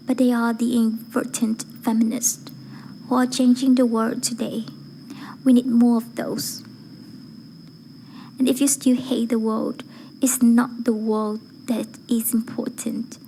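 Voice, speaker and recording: In a rough recording with faint background noise, a woman studying voice acting as an amateur delivers a formal speech. Her fairly high voice is breathy, mellow, and soft-edged, and her delivery stays measured and deliberate with little melodic movement.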